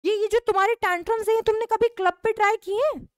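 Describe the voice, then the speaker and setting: A woman teacher voicing a sharp-tongued middle-aged mother who scolds her husband in raised, indignant tones. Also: very high voice, fairly even intonation, fairly quick, no echo, clean studio sound, pitched above the performer's own voice. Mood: scolding.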